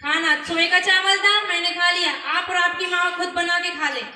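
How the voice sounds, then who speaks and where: A woman's voice: extremely high pitch, fairly even intonation, normal speed, sharp tone, exaggerated voice. A woman playing a scolding young wife. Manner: scolding, sarcastic. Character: sharp-tongued young wife, stingy and scolding. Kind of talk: amateur stage drama. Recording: echoey hall with long reverb, from far off.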